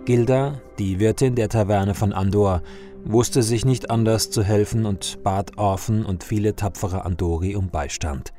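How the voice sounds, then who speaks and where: Deep-ish male storyteller, dramatic fantasy narration over soft music. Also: measured pace.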